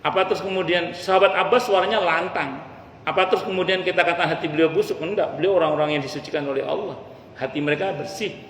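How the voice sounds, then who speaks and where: In an echoey mosque hall with faint ambience, a fast-talking preacher with a rather high, somewhat bright voice delivers a lighthearted religious study lecture, addressing the women present directly.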